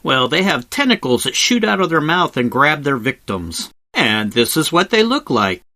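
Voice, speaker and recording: A man with a bright, crisp-edged voice narrates a travel video in lively, swooping intonation. He explains things conversationally, like an informal guide, and drops in wry asides. The voice-over sounds close and very dry. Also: a little high, moderate pace, no echo. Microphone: close voice-over microphone, recorded separately from the cave.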